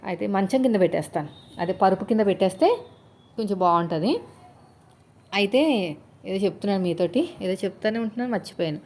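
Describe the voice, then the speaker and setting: A woman's voice: mid-range voice, expressive, brisk, long pauses, a little mellow. A woman in her thirties from India, talking casually to her viewers while doing chores, chatty and rambling with lots of fillers. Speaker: vlogger, housewife.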